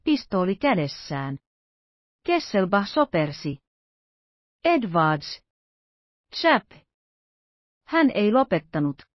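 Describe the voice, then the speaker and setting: Woman audiobook narrator, calm and even; dry, slightly dull recording. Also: medium pitch, no room sound. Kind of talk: scripted narration.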